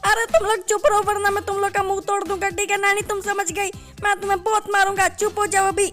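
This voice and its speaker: A man's voice: very high-pitched, level tone, fast, over music. A man voicing a little cartoon boy who suddenly acts like a bully, taunting and threatening the others. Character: timid little boy turned boastful bully. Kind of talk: cartoon voice over gameplay.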